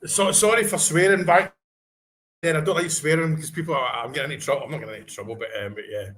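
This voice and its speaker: A man vlogging a live football reaction from home, chatting casually, then erupting into shouted celebration and swearing before apologising. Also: on the high side, fast talker, echoey room, poor audio. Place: at home, wife in the room.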